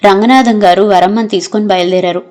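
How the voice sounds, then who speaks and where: A woman's voice: medium pitch, soft background music. Woman narrating an audio novel. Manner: steady, measured storytelling.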